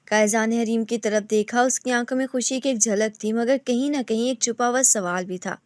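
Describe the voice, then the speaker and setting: A woman reading a romantic novel aloud in steady scripted narration. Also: on the high side, dry recording.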